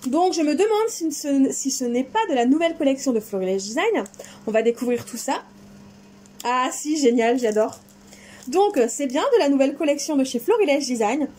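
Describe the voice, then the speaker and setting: A woman's voice: high voice, lively intonation, normal speed, dark tone. A woman chatting casually and enthusiastically while unboxing craft supplies in her vlog. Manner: enthusiastic, chatty, exclaims often. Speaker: crafting vlogger.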